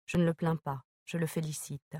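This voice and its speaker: A woman reading aloud, giving a soft, subdued voice to an earnest young woman choked with tears. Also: deep voice, flat delivery, normal speed, no echo, studio quality. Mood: tearful.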